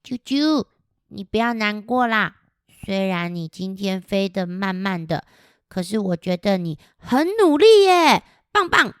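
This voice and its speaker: A woman's voice: medium pitch, sing-song, unhurried, smooth, no echo, clean studio sound. Woman voicing an earnest chirpy little bird. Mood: encouraging. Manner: chirping, repeating words, earnest. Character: small storybook bird, earnest, chirpy, encouraging friend.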